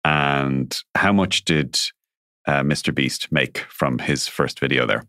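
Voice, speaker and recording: A man's voice: rumbling low, slow pace, sharp tone, dry recording, clean studio sound. A man hosting a conversational interview, musing and hesitant as he puts his questions. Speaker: interview host.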